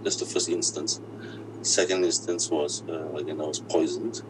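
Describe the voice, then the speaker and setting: A man whose voice has been disguised and pitched deep, telling his own story in an interview, halting and often restarting his words. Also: fairly even intonation, heavy background noise. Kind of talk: personal account in an interview.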